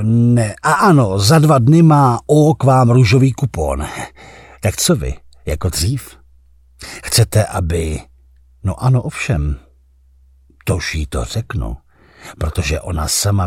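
A jovial, thick-lipped poet, put on by a man reading a book aloud, teasing his friend in a husky, lowered voice. He sounds close and dry, with a confiding, chummy manner that slides up and down in pitch. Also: big pitch swings, pauses often, darkish tone, no echo. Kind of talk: audiobook narration.

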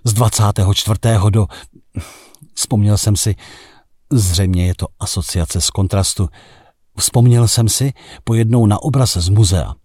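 A man narrating a first-person literary story in a measured, reflective way that turns dramatic in heated passages. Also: on the low side, mellow, breathy edge, dry recording, clean studio sound.

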